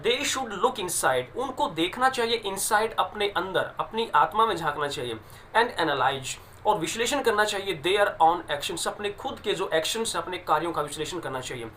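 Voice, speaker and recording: A man teaching a poem, explaining each line in Hindi and reading the English phrases slowly. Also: high-pitched, animated, bright, forceful tone, slight background noise. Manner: explains English lines in Hindi, stresses pronunciation. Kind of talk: classroom lesson explaining a poem.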